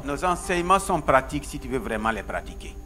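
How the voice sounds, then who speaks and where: A male pastor preaching a sermon in church, emphatic and repetitive, pausing for his interpreter. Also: medium pitch, sing-song, sharp tone, faint music behind.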